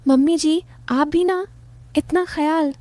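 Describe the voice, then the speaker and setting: A man's voice: very high-pitched, steady tone, slow pace, mellow, dry recording, clean studio sound, pitched above the performer's own voice. Woman voicing a coaxing young son-in-law.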